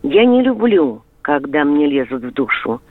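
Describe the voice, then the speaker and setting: A man's voice: a little high, very animated, normal speed, dry recording. A male caller speaking emphatically on a radio call-in show. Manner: emphatic, declamatory. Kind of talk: call-in over the phone. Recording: tinny phone line.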